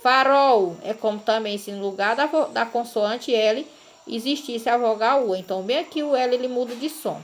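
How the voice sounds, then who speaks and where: A woman's voice: on the high side, moderate pace, darkish tone, slight background noise. A woman teacher, patiently explaining a lesson to children and often checking in with short tag questions. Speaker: primary school teacher. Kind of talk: recorded class lesson for children.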